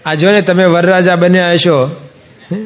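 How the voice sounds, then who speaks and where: Monk guy telling jokey stories in a sermon, a bit high voice. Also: little pitch movement, moderate pace. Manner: folksy, jokey storytelling with acted-out dialogue. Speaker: monk giving a religious discourse. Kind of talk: humorous sermon storytelling.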